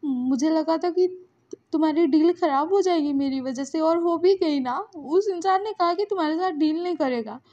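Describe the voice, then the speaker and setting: A woman's voice: extremely high pitch, moderate pace, warm tone, voice pushed up. A woman voicing a timid young man who pleads and stammers, in a fan story reading with dull, lo-fi sound. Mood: tearful.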